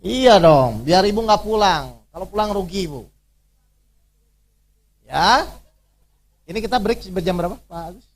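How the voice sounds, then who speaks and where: A man's voice: sits high, expressive, unhurried, long pauses. A male preacher leading an interactive religious workshop, constantly quizzing his audience with questions and teasing them through everyday examples.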